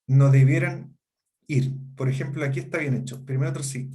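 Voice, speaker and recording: A man's voice: a little high, darkish tone. A middle-aged man with a Chilean Spanish accent, teaching a law seminar and often checking whether students follow. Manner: explanatory, asks students rhetorical check-ins. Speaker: law lecturer. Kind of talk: seminar lecture.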